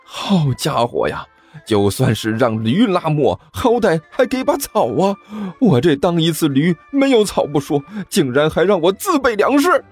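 Man playing a brash young disciple, high voice, wildly swooping, whiny, impatient, storybook reading. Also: very animated, slightly rough, faint music behind, exaggerated voice. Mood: indignant. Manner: indignant, fast and complaining. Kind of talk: storytelling narration with character voices.

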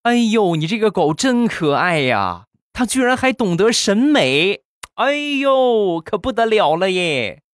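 A man's voice: high voice, very animated, measured pace, pitched above the performer's own voice. A man voicing an effusive older mother who gushes with praise. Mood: gushing. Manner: effusive, exclaiming. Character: gushing older mother, doting on a dog.

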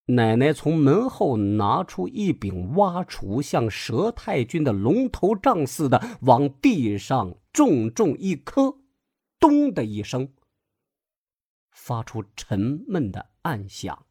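A man giving a scripted narration of a story in a measured, expressive way. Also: medium pitch, breathy edge, no echo. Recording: dry close voice over faint music.

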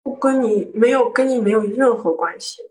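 Young woman, from Guangzhou, casual storytelling, animated, indignant quoted lines, mic set at a distance. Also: on the high side, normal speed. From Guangzhou, southern China. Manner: animated, acts out quoted arguments with rising indignation. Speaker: guest telling a personal story. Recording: voice picked up from a distance.

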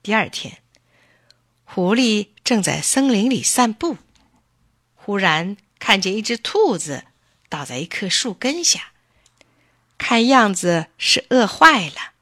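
Slow, bright-voiced woman storyteller. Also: medium pitch, no room sound, clean studio sound. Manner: clear, expressive, unhurried. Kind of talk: storybook narration.

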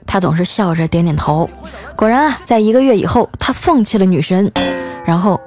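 A woman hosts a chatty show, reading out messages from listeners and adding her own teasing replies. Her voice sits at an ordinary middle pitch and stays light and playful. Faint background music plays behind her. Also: lively intonation, brisk, a little mellow. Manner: playful and teasing, often laughing. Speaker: radio-style podcast host.

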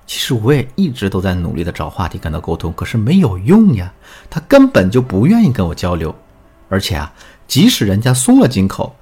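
A man's voice: on the low side, huge pitch swings, fairly quick, darkish tone, breathy edge, heavily acted. A man voicing a 29-year-old wife who complains in exasperation about her husband. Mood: sighing.

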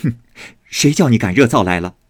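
A man voicing a proud, sharp-tongued young noblewoman who speaks scornfully and defiantly. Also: fairly low pitch, sing-song, normal speed, husky, no echo, studio quality.

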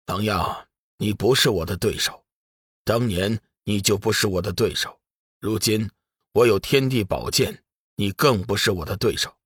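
A man voicing a proud, disdainful master swordsman in a lowered, cold voice. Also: normal speed, breathy edge, dry recording, clean studio sound. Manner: cold, haughty.

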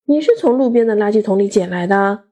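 A woman's voice: sits high, big pitch swings, moderate pace, dark tone, voice pushed up. A woman voicing a father who speaks in a casual, offhand way.

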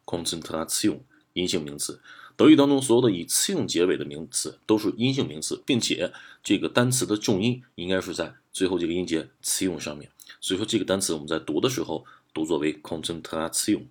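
Low husky-voiced man teaching. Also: animated, a little fast. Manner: methodical, repeats and rephrases points. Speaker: German teacher. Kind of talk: explanatory lesson.

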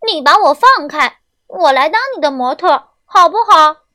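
A woman voicing a small, excitable female grasshopper in a children's story, shrill and insistent. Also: normal speed. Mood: pleading.

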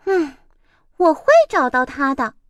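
A woman's voice: high-pitched, takes it slowly, a little mellow, dry recording. A woman voicing a bossy, grumpy cat in a children's storybook reading, snappy and meowing. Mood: mocking.

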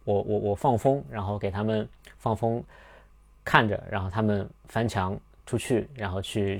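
Young male podcast host with a gravelly, low voice, casual and rambling delivery, restarts often. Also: darkish tone. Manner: rambling, many restarts and fillers. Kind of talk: casual storytelling monologue.

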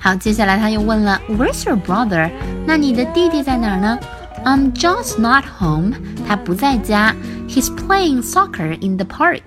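A woman's voice: a little high, big pitch swings, normal speed, music in the background. A woman English teacher giving a patient classroom explanation, switching between languages to explain example sentences.

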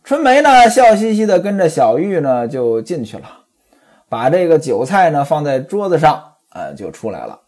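A man with a somewhat high, slightly mellow voice retells and comments on a classic novel at a normal speed, his pitch swooping wildly. As storyteller and commentator, he keeps things chatty and frequently speaks straight to his listeners.

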